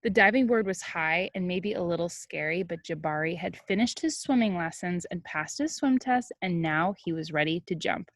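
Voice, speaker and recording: A woman teacher doing an animated, expressive read-aloud for young children, with casual asides. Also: lowish voice, normal speed, few pauses, no room sound. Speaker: kindergarten teacher.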